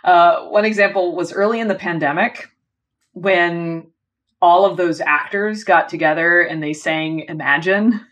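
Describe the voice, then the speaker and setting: A woman's voice: fairly low pitch, a little slow, a bit bright. A woman co-hosting a podcast, asking a guest long, chatty, carefully framed questions. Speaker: podcast co-host. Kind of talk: interview questions.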